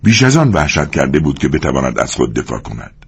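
Deep, husky male storyteller. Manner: expressive storytelling. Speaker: narrator. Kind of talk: dramatic audiobook narration.

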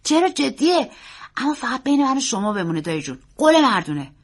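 A woman's voice: high voice, slightly rough, pitched above the performer's own voice, full character voice. A woman voicing an earnest, secretive young boy who talks in an urgent, pleading way. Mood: eager. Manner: urgent, pleading, quick and excited.

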